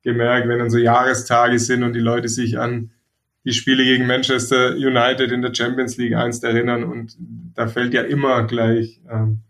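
Gravelly, even-toned man. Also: mid-range voice. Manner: measured, reflective, frequent hesitations. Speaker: podcast co-host, football pundit. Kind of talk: casual discussion.

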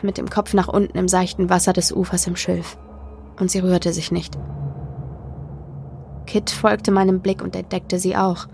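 A woman narrating a horror story in the first person, with tense, expressive delivery. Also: medium pitch, vocal fry. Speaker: podcast narrator. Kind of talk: dramatic horror story reading.

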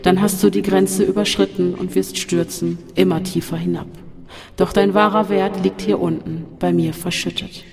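Narrator voicing a cruel taunting voice from the dark. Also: mid-range voice, level tone, normal speed, vocal fry. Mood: coaxing. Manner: mocking, then coaxing and seductive. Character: sinister male voice from a dark shaft, cruel, taunting. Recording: long reverb with faint music.

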